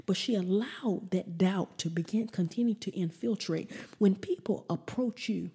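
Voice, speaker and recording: A woman's voice: medium pitch, warm tone, breathy edge. A woman preacher giving a conversational, emphatic sermon, often repeating herself.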